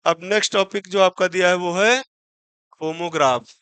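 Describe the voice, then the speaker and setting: A high, level male voice with a sharp, clean tone comes through a dry recording. He's teaching exam-prep English vocabulary, switching between Hindi and English terms, questioning himself, spelling each word letter by letter, and slowing right down on example sentences.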